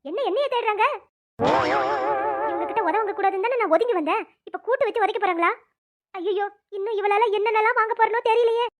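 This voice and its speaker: A woman's voice: extremely high pitch, big pitch swings, a little fast, pauses often. A woman voicing a sly younger sister in a cartoon, muttering playful asides. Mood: cheeky. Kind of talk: cartoon voice acting.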